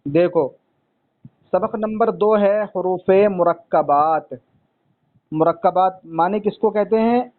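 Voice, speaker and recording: A man with a high-pitched voice speaks slowly and pauses often as he teaches a single student to read Arabic letters, patiently repeating himself and calling the student son. The sound is phone quality.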